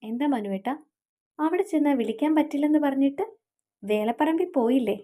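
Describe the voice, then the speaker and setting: A woman's voice: sits high, expressive, fairly quick, dark tone, voice pushed up. A woman voicing a teasing, stubborn young woman who scolds her fiancé.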